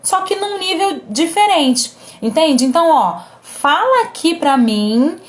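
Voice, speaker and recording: A Brazilian woman with a high, light voice talks unhurriedly to her viewers, giving advice. She is gentle and reassuring, pausing on fillers and often asking whether they are following along. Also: sing-song. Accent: Brazilian Portuguese. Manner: gentle, reassuring, with frequent checking tags and filler pauses. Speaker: presenter giving family advice. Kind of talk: casual advice talk to viewers.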